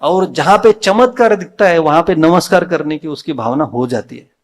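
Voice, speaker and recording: In a temple hall, a man with an Indian accent preaches a devotional Sunday sermon at a moderate pace, his voice on the high side. He mixes Hindi with English words, and when he poses questions to his listeners, he supplies the answers himself.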